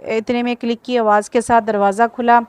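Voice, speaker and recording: A woman narrates a romance novel aloud in a steady, even manner, now and then stumbling and restarting a word. Her voice sits fairly high and stays level, smooth and clear. It is recorded close and dry, with no room sound. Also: fairly quick, no room sound. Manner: steady, even reading with small slips.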